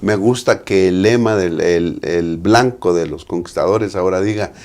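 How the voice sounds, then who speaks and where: A man's voice: sits low, moderate pace, darkish tone. A man with a Mexican Spanish accent, a pastor discussing the Sabbath school lesson in a preaching manner, often adding tag questions.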